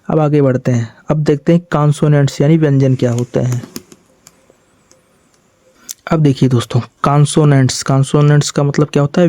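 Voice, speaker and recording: A man's voice: fairly high pitch, dark tone, dry recording. A man explaining a lesson patiently, repeating each point and asking the listener questions as he goes. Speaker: English teacher. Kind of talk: classroom-style explanation.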